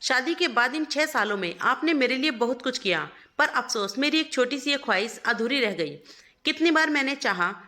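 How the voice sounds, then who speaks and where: A hurt young wife pours out a tender, pleading letter, read by a woman narrator. The voice is high and bright, with a gentle storybook delivery.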